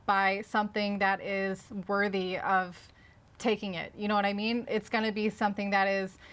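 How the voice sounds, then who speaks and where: A woman's voice: medium pitch, little pitch movement, moderate pace, a bit bright. A woman co-hosting a casual conversational debate, explaining her points in an informal way. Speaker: video creator and co-host.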